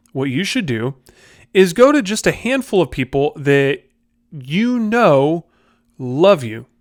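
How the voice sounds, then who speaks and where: A man hosting a podcast gives a casual motivational talk directly to the viewer, informal and confiding. His voice is on the high side, and the recording is dry with clean studio sound.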